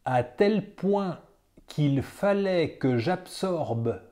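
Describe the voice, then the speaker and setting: Dictation teacher, extremely slow, repeats each phrase, calls out punctuation, dark mellow voice. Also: medium pitch, expressive. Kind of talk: reading a dictation aloud.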